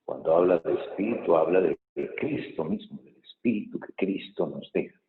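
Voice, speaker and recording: In a large church, a low-voiced priest gives a Mass reading and homily, measured, thoughtful and expressive, pausing, hesitating and using fillers now and then. A long cathedral echo fills the hall, and the audio sounds thin and tinny, like a phone line.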